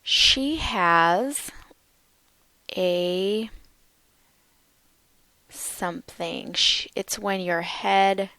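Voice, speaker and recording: Female English teacher, smooth clear voice, unhurried delivery that repeats each word for learners. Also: medium pitch, bright, forceful tone, dry recording. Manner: slow and carefully enunciated, repeating words for learners. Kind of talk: slow, clear vocabulary lesson.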